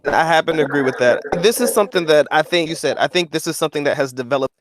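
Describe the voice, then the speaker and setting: A man's voice: fairly high pitch, fast, noisy background. A man hosting an online talk show, rambling and repeating himself, while his audio keeps cutting out in bursts. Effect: audio dropping out in bursts. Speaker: podcast host interviewing a vlogger. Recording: voice intermittently dropping out.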